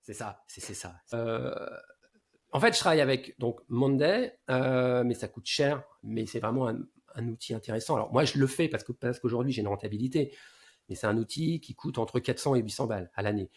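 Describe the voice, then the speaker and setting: A man in his forties, a guest consultant in a casual podcast interview, explaining at length in a low-key advising tone and often letting his sentences fade out. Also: fairly quick.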